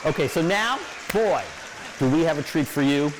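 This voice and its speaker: A man's voice: fairly high pitch, lively intonation, moderate pace, crowd noise, noisy background. A man delivering a late-night comedy monologue as host, with punchline timing. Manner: punchline delivery, jumps into silly voices.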